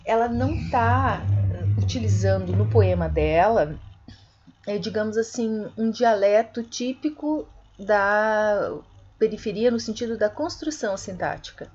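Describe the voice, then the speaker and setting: A woman teaching an online literature class, explaining slowly, with many fillers and corrections. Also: mid-range voice, lively intonation, a little mellow, dull audio. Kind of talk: online lecture.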